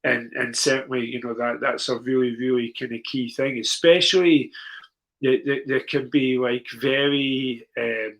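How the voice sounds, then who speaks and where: A middle-aged man, a guest on a talk show, telling stories in a loose conversational way. His voice leaps up when he gets excited. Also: unhurried. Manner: animated, jumps in pitch when excited, calm quoted asides. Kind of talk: conversational storytelling.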